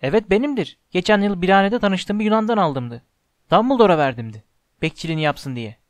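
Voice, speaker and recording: A man voicing a huge, stubborn male gamekeeper in a gruff, grumbling low voice while reading a storybook aloud. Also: lively intonation, fairly quick, dry recording.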